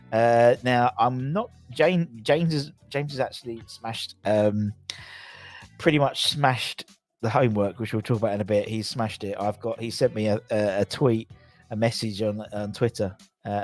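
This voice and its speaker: Man, southern English accent, mid-pitched, informal fan-channel host, rambling jokey chat, repeats himself, music underneath. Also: moderate pace. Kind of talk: casual livestream chat to viewers.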